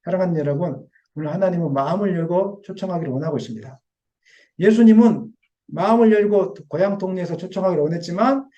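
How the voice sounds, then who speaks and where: A male pastor preaching in a church sanctuary, his voice sitting high yet mellow and dark in tone. He swings between animated, rising exhortation and hushed, humble confession, and acts out the voices he quotes. The church recording is dull and slightly muffled. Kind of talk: sermon.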